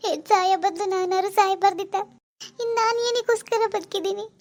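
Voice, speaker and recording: Woman playing a young village mother, very high voice, pleading, frantic questions, village drama. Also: fairly even intonation, quick pace, darkish tone. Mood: grieving.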